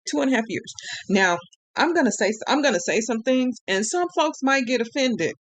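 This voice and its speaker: A woman's voice: on the high side, animated, moderate pace, no echo. A woman ranting on a live stream, frustrated and close to tears, rambling with many restarts. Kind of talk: emotional live-stream rant.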